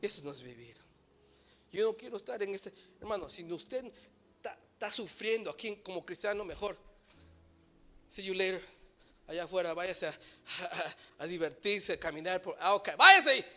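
A male preacher with a very high, sharp, bright voice delivers a sermon. He drops to soft, low musing, then rises to loud shouts, and now and then slips in a short English phrase. Faint music plays behind him. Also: lively intonation, normal speed.

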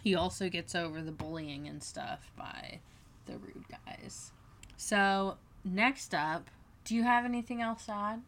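A woman's voice: medium pitch, measured pace, fairly bright tone, a little hiss or hum. A woman hosting a casual fan podcast, chatty and laughing as she retells scenes. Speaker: podcast host.

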